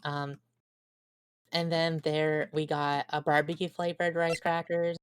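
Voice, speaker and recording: A woman's voice: low-pitched, level tone, takes it slowly. A young woman chatting casually and rambling, full of likes and ums. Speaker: streamer guest. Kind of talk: casual chat.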